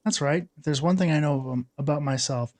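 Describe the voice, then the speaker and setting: A man's voice: fairly high pitch, brisk, a little mellow, no echo. Casual man streaming a game. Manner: casual, chuckling, reads dialogue choices aloud.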